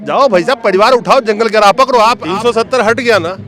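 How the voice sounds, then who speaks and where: A man's voice: high voice, brisk, a bit bright. A man reporting from a street protest who needles the workers with sarcasm and fiery commentary. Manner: mocking, sarcastic, fired-up.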